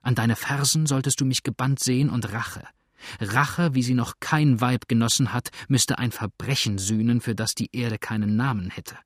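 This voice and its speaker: A man's voice: mid-range voice, moderate pace, husky, dry recording, studio quality, close to an everyday voice. A man voicing a passionate, jealous young woman who speaks vehemently, in an audiobook. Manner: impassioned, vehement.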